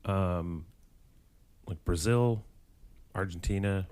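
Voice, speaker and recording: A man's voice: sits low, slow, a little mellow. A man co-hosting a podcast in casual chat, making jokes and rambling with lots of fillers. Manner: jokey, rambling with many fillers.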